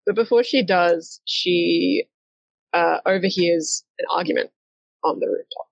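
Gravelly-voiced woman narrating a story game. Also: on the low side, a little slow, dry recording. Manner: chatty, filler-heavy, hesitant. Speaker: game master. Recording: dull, lo-fi and dry.

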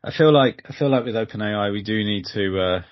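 A man hosting a podcast, talking in a relaxed way with lots of pauses and fillers. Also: lowish voice, muffled recording. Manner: relaxed, laughing, hesitant with fillers. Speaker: podcast host. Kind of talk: casual podcast chat.

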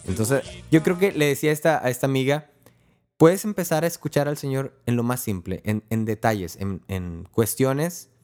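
A man giving a casual spiritual talk, speaking in a relaxed, conversational way and acting out small prayers and dialogues. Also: mid-range voice, normal speed, faint music behind.

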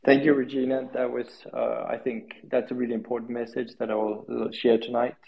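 A man moderating an online discussion, polite and halting with many pauses, heard over a video call. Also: medium pitch, little pitch movement, vocal fry, dull audio.

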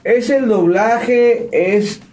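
Man, mellow voice, echoey off-mic. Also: very high-pitched, drawn-out words, far from the mic. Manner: enthusiastic, repeats himself and restarts. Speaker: event organizer guest. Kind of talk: casual podcast chat. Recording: echoey room, off-mic, faint music.

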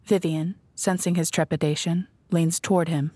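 Woman reading narration, lowish voice, dry close mic, measured. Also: steady tone, warm tone, dry recording. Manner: measured, descriptive storytelling. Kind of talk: scripted narration.

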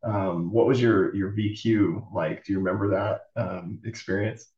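A man hosting a podcast interview, asking slow, encouraging questions and affirming his guest. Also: lowish voice, steady tone. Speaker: podcast host. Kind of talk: casual interview. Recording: roomy, distant, dull lo-fi audio.

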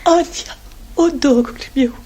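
A woman's voice: high voice, warm tone, natural voice. An actress playing a sentimental aristocratic mother who is bidding farewell to her family home, in a radio play. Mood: wistful. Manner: wistful, tender, sentimental. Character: Lyubov Ranevskaya, a wistful aristocratic mother. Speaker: radio drama actor.

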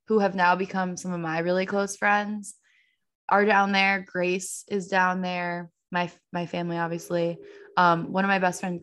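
Twenties girl just chatting, says like a lot, normal pitch, rambly. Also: a bit bright. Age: 20s. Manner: chatty, full of "like" fillers. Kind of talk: casual chat.

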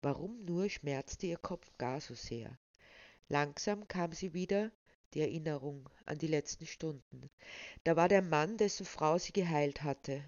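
A woman presenting a novel and reading an excerpt aloud in a measured, expressive way. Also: low voice, dry recording. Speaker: book presenter and reader. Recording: slightly dull, dry sound.

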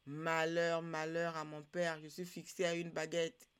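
A storyteller voicing a frightened captured catfish that cries out and pleads, slowly and loudly. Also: medium pitch, completely flat delivery, clear, resonant tone, natural voice. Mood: wailing. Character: wailing captured catfish, fearful and lamenting.

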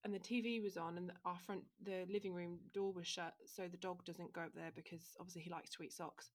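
A young woman co-hosting a casual chat, telling stories in a chatty, animated way full of fillers. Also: on the low side, brisk. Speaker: podcast co-host.

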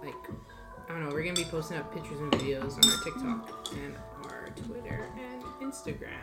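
A woman's voice: low voice, very animated, fairly quick. A young woman co-hosting a casual podcast, chatty and swearing offhand. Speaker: podcast co-host. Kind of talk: casual chat. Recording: echoey room with loud music behind.

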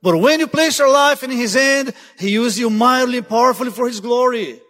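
High-voiced guest preacher, hall reverb. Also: male voice, brisk, a bit bright. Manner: urgent, repeats "listen" to drive points home. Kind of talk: sermon. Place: church sanctuary. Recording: long church hall reverb.

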